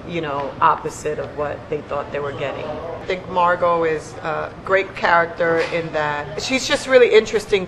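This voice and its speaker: A middle-aged woman, an actress, talking casually and earnestly about her role, pausing thoughtfully as she goes. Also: lowish voice. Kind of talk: casual table conversation. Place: indoor restaurant table, group seated over lunch. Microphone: handheld-style microphone standing on the table. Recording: noisy restaurant room ambience.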